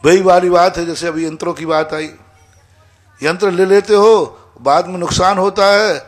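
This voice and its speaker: Male monk, sermon with stories, emphatic scolding delivery, higher-pitched voice. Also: steady tone, moderate pace. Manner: scolding, emphatic, acts out dialogue. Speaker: Jain monk answering questions. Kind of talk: sermon with storytelling.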